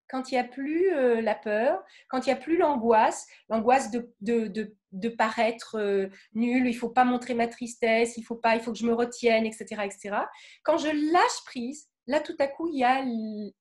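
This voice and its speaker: A French woman giving a lively talk on the voice, acting out emotions with sudden vocal bursts and often checking in with her audience. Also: fairly high pitch, moderate pace. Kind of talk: lively spoken lecture with demonstrations.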